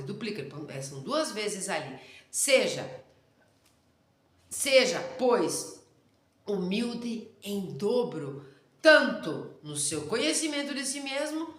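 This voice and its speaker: Intense, fast-talking southern Brazilian woman. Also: a little high, a bit bright. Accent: Rio Grande do Sul interior Brazilian Portuguese. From interior of Rio Grande do Sul, Brazil. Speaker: Torah teacher. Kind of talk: casual religious lesson. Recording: roomy echo.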